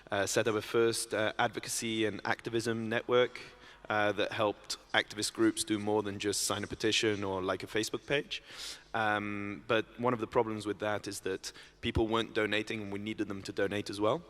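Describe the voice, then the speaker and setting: Low-voiced man, hesitant panelist. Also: a bit bright. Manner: hesitant, many restarts and ums. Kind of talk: conference panel discussion. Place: conference stage. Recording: reverberant conference hall.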